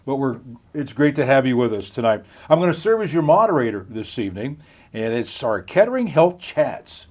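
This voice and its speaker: A middle-aged man hosts a live-streamed health chat interview with a folksy, chatty manner, often restarting sentences and laughing. His voice is medium-pitched and a little mellow, swinging widely in pitch at a moderate pace.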